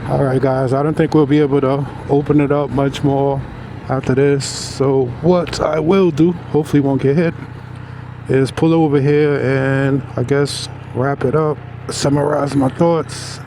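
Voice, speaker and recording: A man's voice: mid-range voice, flat delivery, unhurried. A man motovlogging from inside a motorcycle helmet, chatting casually to viewers as he rides, with a helmet intercom sound. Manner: motorbike helmet intercom sound, talking over wind at a normal level. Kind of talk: riding commentary, casual chat to viewers. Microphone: small wireless mic inside helmet with noise reduction. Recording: loud wind and engine road noise.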